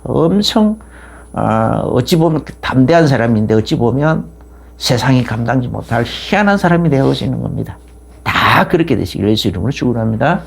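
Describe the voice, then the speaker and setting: Gravelly-voiced pastor preaching a sermon. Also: male voice, medium pitch, animated, normal speed. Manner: rambling with many fillers and restarts, growing fervent.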